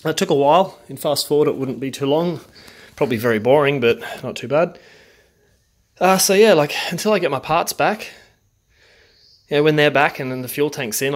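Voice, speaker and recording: A man talking casually through his car repair work in a home garage, rambling with lots of ums. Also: mid-range voice. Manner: rambling, many ums, plain-spoken. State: out of breath. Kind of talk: casual workshop vlog.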